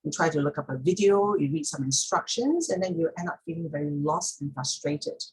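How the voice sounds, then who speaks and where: A woman's voice: low-pitched, expressive, brisk, poor audio. A woman teaching pronunciation step by step in an instructional talk, repeating key points for emphasis.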